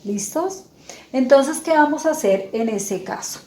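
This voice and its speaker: A woman teacher explaining grammar slowly and patiently, spelling out words syllable by syllable. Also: high-pitched, lively intonation, warm tone, echoey room. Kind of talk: slow, clear classroom explanation.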